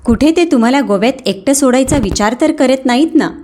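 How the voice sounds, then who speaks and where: A woman voicing a calm, measured woman adviser who gives careful warnings, in a fairly high voice. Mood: calm concern.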